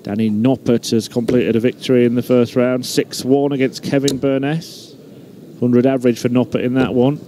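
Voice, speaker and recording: A man delivers live darts commentary in a mid-pitched, mellow voice. There is faint noise behind him as he follows the play. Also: little pitch movement, normal speed.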